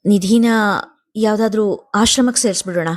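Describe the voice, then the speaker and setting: A woman's voice: mid-range voice, normal speed, a little mellow, dry recording, studio quality, natural voice. A woman reading a family storybook, voicing a young father who speaks in a firm, clipped way. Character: stern young father, harsh and resolute.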